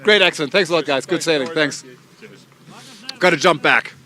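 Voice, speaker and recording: A man's voice: on the high side, moderate pace, bright, forceful tone. A man reporting from the water, interviewing a sailing crew in an upbeat, chatty way. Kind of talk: live sports interview.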